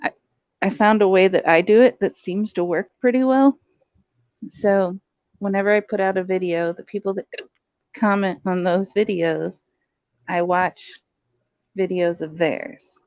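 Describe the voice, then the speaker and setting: A woman's voice: medium pitch, fairly even intonation, unhurried, pauses often, a little mellow, no room sound. A woman with the hiccups, chatting casually as a live stream guest and explaining things step by step. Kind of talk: casual chat. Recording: dry, dull lo-fi audio.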